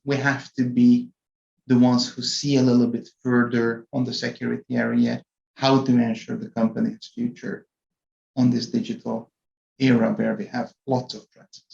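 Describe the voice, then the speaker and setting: Hungarian guy in his 40s, podcast guest, gravelly voice, slow careful explaining, echoey dull audio. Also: medium pitch, level tone, a little mellow. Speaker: guest executive. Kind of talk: podcast interview.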